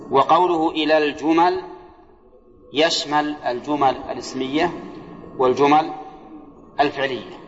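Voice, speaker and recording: A man teaching Arabic grammar in a classroom lecture, often stopping to quiz his listeners with quick questions. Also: a little high. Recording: dull, echoey lecture hall recording.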